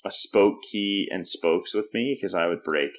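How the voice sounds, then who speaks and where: Very low male voice, canadian guy, young adult, lively anecdote teller, chuckles a lot. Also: a little slow. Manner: animated storyteller, laughs often, jumps into quoted voices. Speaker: podcast guest. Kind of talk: casual storytelling interview.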